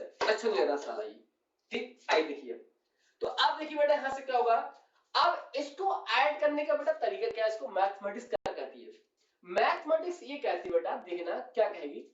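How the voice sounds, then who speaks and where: A male chemistry teacher giving a classroom lecture, calling his students "beta" and checking often that they follow. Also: extremely high pitch. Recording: roomy, distant, dull lo-fi sound.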